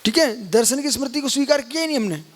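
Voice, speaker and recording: A man's voice: very high-pitched, lively intonation, quick pace. A man, a Jain monk, giving a live scripture lecture and keep prodding listeners with questions. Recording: long hall reverb.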